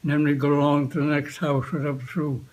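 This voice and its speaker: An elderly man, a veteran, remembering his past in an unscripted interview, speaking in short, halting phrases with frequent pauses. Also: fairly high pitch, level tone, a little mellow, rough recording. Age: 80s or older. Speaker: war veteran being interviewed. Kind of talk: unscripted reminiscence, recalling the past.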